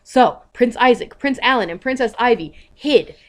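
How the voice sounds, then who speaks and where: A young woman telling a made-up story to a small child, slowly and expressively, stopping to ask questions. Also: on the high side, animated. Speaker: parent telling a bedtime story.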